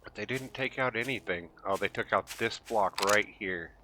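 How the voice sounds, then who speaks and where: Lisping man over loud game gunfire. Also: lowish voice, moderate pace. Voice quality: lisp from missing teeth. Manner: sweary, self-deprecating. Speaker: gamer hosting a gameplay video. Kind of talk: casual gameplay commentary. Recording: gunfire and game noise behind voice. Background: loud video game gunfire.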